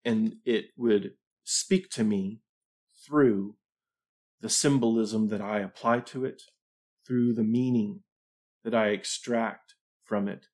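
A man's voice: fairly low pitch, darkish tone. A middle-aged man hosting a livestream, talking casually and reflectively, with fillers and restarts. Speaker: livestream host.

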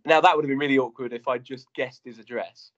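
A slightly dull, lo-fi recording of a British man hosting a casual chat. He speaks at a middling pitch with dry, teasing banter. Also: fairly even intonation, quick pace. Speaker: podcast host.

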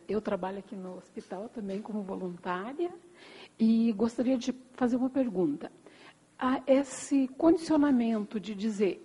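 A woman's voice: on the high side, warm tone, slightly rough. A woman in the audience, a hospital volunteer, politely and tentatively asks a question. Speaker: audience member asking a question. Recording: distant voice in reverberant hall.

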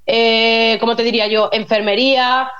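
A woman with a high, bright-pitched voice chats as a radio guest, explaining things with lively energy. She comes through a dull, lo-fi remote line that softens her. Her delivery is casual and talkative. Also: moderate pace. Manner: animated, chatty explaining. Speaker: guest, nurse living in Germany. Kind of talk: casual radio interview chat.

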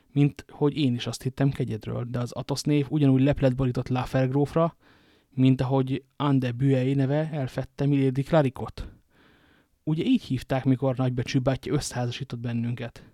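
A man voicing a cold, grim nobleman in a storybook reading, speaking low and measured. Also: steady tone, warm tone, no echo, studio quality, close to an everyday voice.

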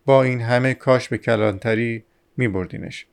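A man's voice: mid-range voice, steady tone, gravelly, clear, resonant tone, lightly acted. Meddling common man, insistent and suspicious, voiced by a male narrator.

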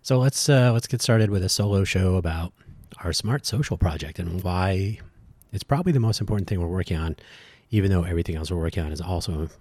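A man's voice: sits low, fast talker, darkish tone, no echo. A man hosting a solo podcast, rambling and correcting himself with wry asides, his voice dulled by allergies. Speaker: podcast host.

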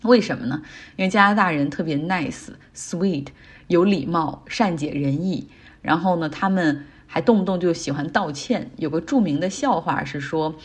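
A woman's voice: on the low side, normal speed, breathy edge. A middle-aged woman hosting a casual talk podcast, chatting and explaining English words in Chinese as she goes. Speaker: podcast host. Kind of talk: casual commentary.

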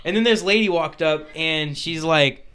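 A man's voice: a little high, normal speed, pushed and bright, soft background music. A man hosting a podcast, telling a story in casual chat and filling his talk with "like". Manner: rambling, fills talk with "like". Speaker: podcast host.

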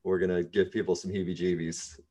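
Host: easygoing man with a lowish voice, casual interviewer. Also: little pitch movement, fairly quick, warm tone. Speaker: podcast host.

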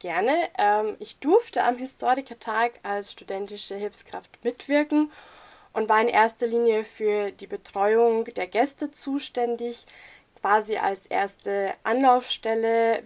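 A woman's voice: medium pitch, slow pace. A young adult woman chatting casually as a student participant in a podcast conversation.

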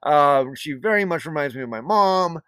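Male co-host, slightly high voice, loose and rambly, swears a bit, dry close mic. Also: expressive, moderate pace, a bit bright, smooth, no room sound, rough recording. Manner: rambling, with frequent fillers and casual swearing. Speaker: podcast co-host. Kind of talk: casual book-club podcast chat.

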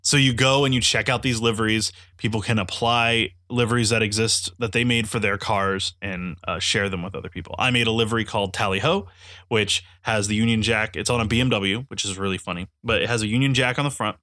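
A man's voice: fairly low pitch, steady tone, fairly quick, bright, forceful tone, no echo, clean studio sound. A congested man giving a casual spoken game review, eager and rambling, with many restarts. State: congested, stuffy nose.

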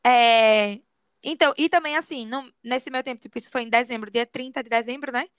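A woman telling a personal story to a friend in a confiding, animated way. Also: fairly high pitch, brisk, clean tone, no room sound, clean studio sound. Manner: animated confiding storyteller, often says "amiga". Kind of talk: casual storytelling chat.

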